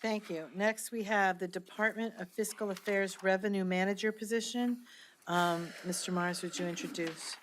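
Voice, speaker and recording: A woman's voice: medium pitch, fairly even intonation, normal speed, slight background noise. A woman chairing a county council meeting, calling for discussion and votes, a bit hesitant. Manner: hesitant, with fillers. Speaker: council president.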